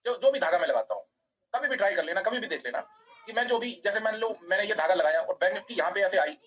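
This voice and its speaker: A man teaching a live online trading class, walking through a chart fast and asking students by name whether they follow. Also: sits high, expressive, dull audio.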